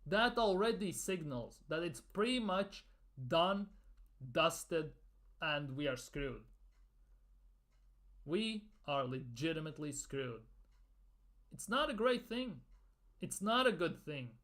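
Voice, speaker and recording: A man's voice: on the high side, expressive, slow, pauses often, fairly bright tone. A man ranting in a football fan commentary video, exasperated and sarcastic, with some swearing.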